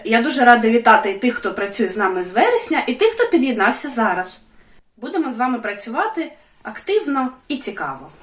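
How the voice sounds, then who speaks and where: A woman's voice: on the high side, echoey room. A woman teaching a music lesson to small children, sing-song and encouraging.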